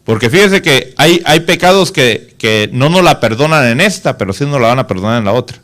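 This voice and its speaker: With lively intonation and a brisk pace, a male pastor delivers a sermon, throwing rhetorical questions at the congregation. For solemn moments he drops to a soft, low voice.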